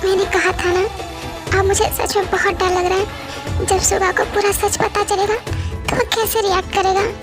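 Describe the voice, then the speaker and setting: A woman's voice: very high-pitched, level tone, normal speed. A woman voicing an anxious middle-aged mother in a dramatic fan story reading, with a fretful delivery. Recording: soft music behind.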